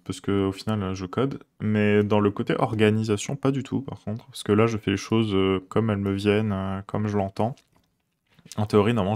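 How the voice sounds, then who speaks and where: A man chats with his stream audience as he codes. His voice sits low with a gravelly fry. He rambles easily, hunts for words and laughs lightly at himself. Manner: relaxed, rambling, many fillers, chuckles often. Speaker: streamer coding live. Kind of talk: casual live-coding stream chat.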